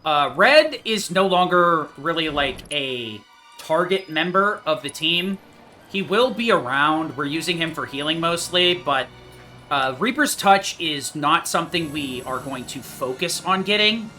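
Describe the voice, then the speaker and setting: A man's voice: fairly high pitch, lively intonation, unhurried, sharp tone, soft background music. A man giving casual, rambling, matter-of-fact commentary on his own speedrun, picking at his own mistakes. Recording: clearly noisy home gaming recording.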